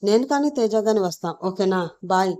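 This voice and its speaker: A man's voice: sits high, animated, a little fast, warm tone. A woman voicing a reserved young man in a narrated audio story, speaking plainly in a slightly raised voice. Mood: calm. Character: young man, reserved, then hungover and angry.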